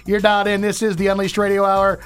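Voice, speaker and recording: High-pitched, exuberant male radio host. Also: completely flat delivery, fast, music in the background. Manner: exuberant, hyping, preachy. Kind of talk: lively promotional talk-show hosting.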